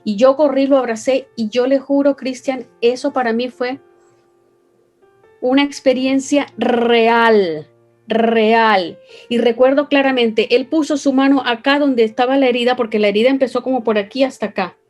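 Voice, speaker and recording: A woman's voice: on the high side, fairly even intonation, moderate pace, darkish tone, faint music behind. A Venezuelan woman with a Venezuelan accent, earnestly telling an emotional personal story as an interview guest. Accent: Venezuelan Spanish. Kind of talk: personal testimony.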